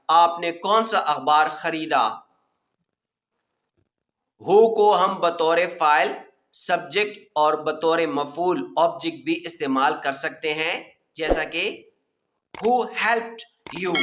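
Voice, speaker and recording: A male teacher giving a bilingual grammar lesson, reading English examples very slowly and translating them quickly in Urdu. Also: a little high, bright, forceful tone, reverberant.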